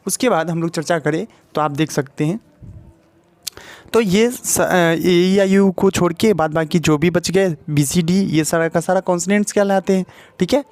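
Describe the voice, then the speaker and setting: A man's voice: high voice, moderate pace, darkish tone, no echo. A man with a Hindi accent teaching a spoken English lesson at a board, explaining step by step and checking in with the viewer as he goes. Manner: explains step by step, often adds "ठीक है" and asks questions to the viewer.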